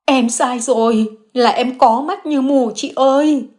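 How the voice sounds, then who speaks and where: A woman voicing a young mother caught in a lie, crying and begging forgiveness in a high, strained voice. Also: measured pace. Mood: tearful confession. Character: young mother caught lying, tearful, groveling.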